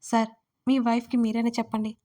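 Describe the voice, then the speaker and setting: A woman's voice: a little high, little pitch movement, brisk, mellow, close to an everyday voice. A woman voicing a curt, impatient nurse. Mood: brisk. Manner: curt, businesslike.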